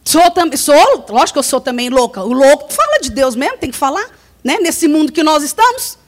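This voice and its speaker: A Brazilian woman giving a testimony sermon to a congregation, telling her story with lively acted-out dialogue and frequent laughter. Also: high-pitched, a little fast. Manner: animated storytelling, acts out dialogue, laughs often. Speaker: lay preacher.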